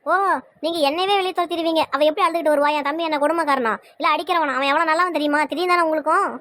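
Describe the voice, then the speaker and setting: A woman's voice: sits high, steady tone, rapid-fire, fairly bright tone, no echo, clean studio sound. A woman with a Tirunelveli Tamil accent voicing an angry, sarcastic mother in a cartoon family quarrel. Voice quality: nagging, sarcastic. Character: angry mother siding with her brother. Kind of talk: cartoon voice acting.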